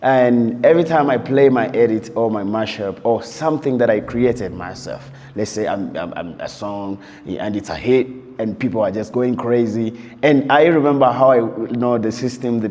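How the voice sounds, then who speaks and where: With a medium-pitched, slightly mellow voice, this Ugandan man speaks at normal speed with few pauses. He's a DJ and producer interviewed on tour abroad, recounting his story loosely and peppering it with "you know," all under long reverb.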